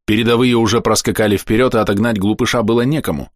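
Low-voiced man narrating a fantasy audiobook. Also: no room sound, clean studio sound. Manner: measured, expressive storytelling with slowed dramatic pauses.

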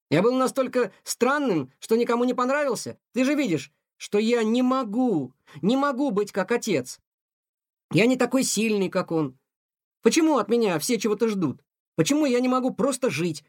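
A man's voice: very high voice, expressive, normal speed, no echo, studio quality, voice pushed up. A man voicing a whiny teenage tomcat. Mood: upset. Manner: whiny, upset questioning. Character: sulky teenage male cat, unsure of himself. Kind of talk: audiobook character voice.

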